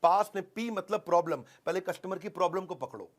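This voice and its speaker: A man giving a motivational sales seminar, animated and constantly quizzing his audience. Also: high-pitched, brisk. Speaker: sales trainer.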